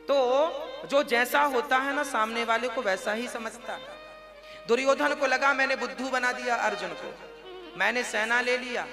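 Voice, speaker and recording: A man with a very high, bright-edged voice preaches a devotional sermon, telling the tale in an animated way and giving each character a line of their own. Clear music plays behind him. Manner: animated storyteller who voices characters' lines. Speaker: spiritual preacher.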